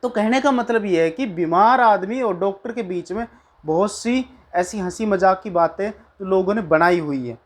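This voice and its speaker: A man's voice: high voice, moderate pace. A man teaching a class, telling doctor and patient jokes in a chatty storytelling way before a lecture on disease. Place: classroom with a board.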